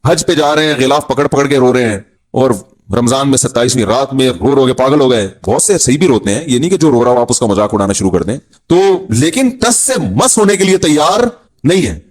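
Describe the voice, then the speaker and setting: A middle-aged man with a Pakistani Urdu accent gives a humorous sermon, often mimicking people in a lowered voice. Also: animated, a little fast. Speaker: Islamic preacher.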